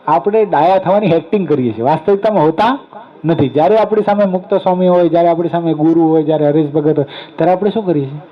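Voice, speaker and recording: High-voiced man preaching to an assembly. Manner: questions the audience directly, tells stories with quoted dialogue. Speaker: religious discourse speaker. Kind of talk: sermon. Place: assembly hall. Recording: dull lo-fi sound.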